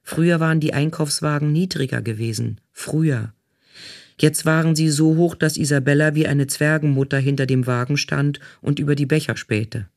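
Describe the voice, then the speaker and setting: A man reading a novel aloud in calm, even scripted narration. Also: on the high side, normal speed, no room sound, clean studio sound. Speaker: audiobook reader.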